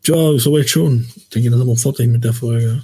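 A podcast host with a light Swabian accent chats casually and ramblingly, full of hesitations. His voice is medium-pitched with a dark tone and breathy edge, at normal speed, recorded with no echo.

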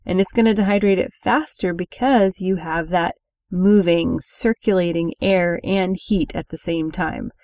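A woman's voice: lowish voice, unhurried, darkish tone, no room sound, studio quality. A woman co-hosting a backpacking podcast, giving friendly explanatory tips in casual chat. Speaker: podcast co-host.

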